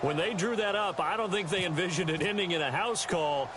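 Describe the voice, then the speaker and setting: A man as a brisk football play-by-play announcer. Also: high voice, natural voice. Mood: steady. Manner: brisk, lifts into excitement on big plays. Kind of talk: scripted sports commentary. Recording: game audio under loud noise.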